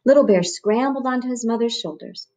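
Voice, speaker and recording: Sitting on a couch in a small room at home, a woman hosts a read-aloud, expressively narrating a picture book for children. Her voice is fairly high and darkish in tone, and she reads a little fast.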